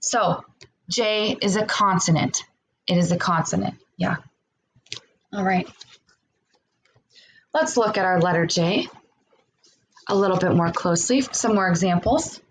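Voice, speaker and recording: Slow, deliberate woman teaching phonics to children. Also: lowish voice, a little hiss or hum, low-quality recording. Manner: slow, deliberate enunciation with word sounds pronounced separately; encouraging, prompting with questions and pauses. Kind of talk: remote phonics lesson for young children.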